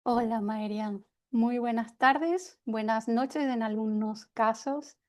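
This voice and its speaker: Venezuelan woman with a soft, dark voice. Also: a little high, takes it slowly. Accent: Venezuelan Spanish. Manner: reflective, many hesitations and restarts. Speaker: panelist, personal development consultant. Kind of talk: webinar panel talk. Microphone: video call.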